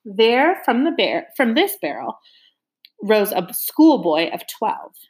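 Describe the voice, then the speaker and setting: A woman reading a children's novel aloud in a lively way, slowing down for emphasis and turning to her young listeners with questions. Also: fairly high pitch. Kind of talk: expressive read-aloud of a novel.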